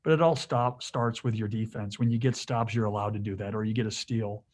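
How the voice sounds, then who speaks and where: A man's voice: lowish voice, steady tone, a little fast, a little mellow, slight background noise. A male head basketball coach answering questions at a postgame press conference, rambling with lots of fillers and restarts, joking now and then.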